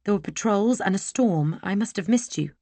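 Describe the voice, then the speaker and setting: A woman's voice: medium pitch, normal speed, warm tone, dry recording, voice pushed up, natural voice. A woman voicing a proud, defiant young lady with a tense, pleading edge for an audiobook. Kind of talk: audiobook character voice.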